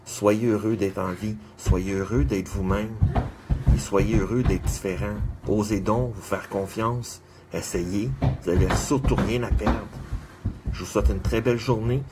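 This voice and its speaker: A man giving an earnest motivational monologue, repeating his exhortations in measured phrases and greeting viewers by name. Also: on the low side, fairly even intonation, heavy background noise. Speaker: motivational speaker.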